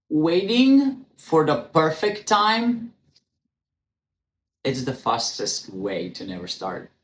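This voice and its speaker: In an echoey room with faint ambience, a man records his solo podcast on camera, speaking English as a second language. He's frank and blunt, stuttering, restarting, saying um a lot and swearing casually now and then. His voice is medium-pitched with a little hiss or hum.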